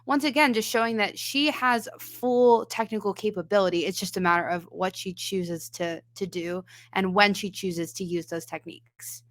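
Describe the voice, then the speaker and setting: A woman's voice: mid-range voice, normal speed, hardly any pauses. A woman voice teacher giving analytical reaction commentary, explaining singing technique step by step.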